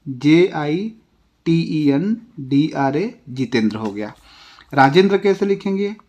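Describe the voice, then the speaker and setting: A male teacher with an Indian accent walks through a lesson in a slightly raised voice. He spells each word out letter by letter at a slow, patient pace. His tone falls at the close of each example. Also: fairly high pitch, darkish tone. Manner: ends each example with a falling tone. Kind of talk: classroom lesson.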